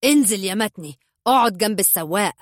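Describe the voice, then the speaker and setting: A woman's voice: medium pitch, expressive, fast talker, dry recording, clean studio sound, lightly acted. A woman voicing a curt, irritable male gang boss with an Egyptian accent in a storybook. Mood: irritated. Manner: curt, bossy, coarse.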